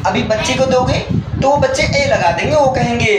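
A man's voice: extremely high pitch, brisk. A man teaching an English grammar lesson to a class, asking the students questions and answering them himself. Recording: echoey room, far from mic, noisy.

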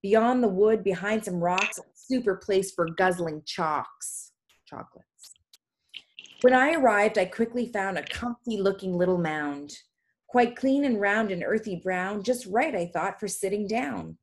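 A woman reads a rhyming story aloud to young students during an online class. She speaks at a medium pitch, comes through a video-call mic, and keeps the reading lively with quick asides. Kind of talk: reading a poem aloud to children.

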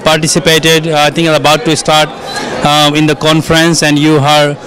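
A middle-aged man interviewing a guest at an expo, asking slow, halting questions with fillers into a handheld mic. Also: a little high, completely flat delivery, a bit bright. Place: busy expo hall, indoors. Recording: crowded expo floor noise. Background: crowd chatter.

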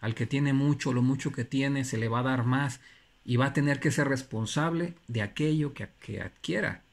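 A man giving an earnest, preachy motivational talk. He repeats phrases for emphasis and pauses between them. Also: medium pitch, creaky. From Mexico. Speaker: motivational speaker.

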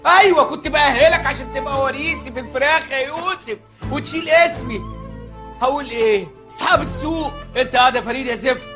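A man's voice: extremely high pitch, fast talker, over music. An actor playing a pious, fussy chicken-shop owner who worries about his son, speaking in Egyptian Arabic and scolding, pleading and fretting. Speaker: comic lead in a TV comedy series. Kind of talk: sitcom comedy acting.

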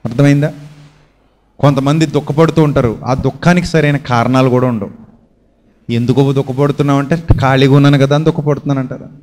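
A man preaching a sermon, asking his listeners questions and answering them himself with homely everyday examples. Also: fairly even intonation. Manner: swings between a low, quiet voice and raised, drawn-out emphatic lines.

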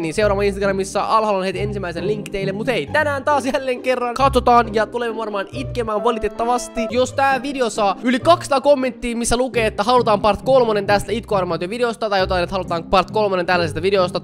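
Gasping frequently and addressing the screen directly, a high-pitched young man gives excited reaction commentary on animations as the host of his own YouTube channel.

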